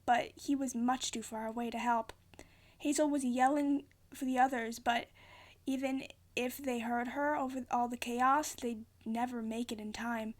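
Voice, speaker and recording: A woman giving a theatrical, amateur storybook narration, often stumbling and rereading phrases. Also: high-pitched. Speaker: amateur reader.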